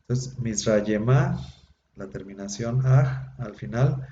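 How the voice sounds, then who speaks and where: A man teaches a Hebrew class over a video call. He explains patiently and fills pauses with little sounds, his low, dark voice carried in an echoey room. The audio is dull and has a faint hum under it. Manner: patient explaining, many fillers. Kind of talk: online class lecture.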